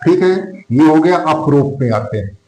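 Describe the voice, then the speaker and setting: A man's voice: on the high side, expressive, darkish tone. A man teaching a maths lesson in Hindi and English, dictating a geometry proof and asking himself questions as he writes. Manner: asks and answers his own questions while writing; Hindi mixed with English terms, dictating slowly. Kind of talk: classroom lesson at a board. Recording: echoey room.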